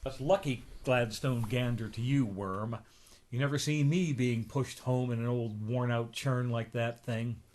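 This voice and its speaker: A man's voice: medium pitch, fairly even intonation, unhurried, a little mellow, natural voice. A man voicing a smug, mocking gander cousin who sneers in a comic story. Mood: gloating.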